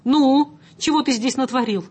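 A woman doing a shrill, bossy young train conductor. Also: normal speed, a little mellow, husky. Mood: scolding. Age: young adult. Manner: scolding, shrill.

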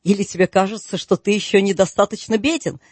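A cranky old skinflint snaps and grumbles, played by a male reader. The voice sits low and husky, clipped and scornful, in a dry, close audiobook recording. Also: steady tone, fast talker, no echo. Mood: grumbling. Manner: grumbling, curt, indignant. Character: grumpy miserly old man, scornful. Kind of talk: audiobook reading.

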